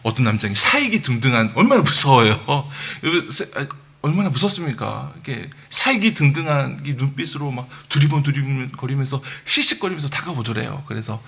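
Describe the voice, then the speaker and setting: A man in his thirties preaching a sermon in a church, telling a story with lively acted quotes and chuckles. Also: medium pitch, moderate pace, gravelly.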